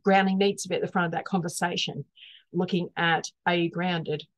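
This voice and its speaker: A woman giving an informal, explanatory wellness talk as a teacher, earnest and emphatic, often pausing to rephrase. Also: on the low side, steady tone.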